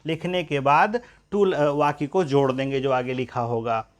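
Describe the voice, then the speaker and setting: A man teaching English grammar, asking questions and answering them himself, and dictating example sentences slowly, word by word. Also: mid-range voice, fairly even intonation. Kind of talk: grammar lesson.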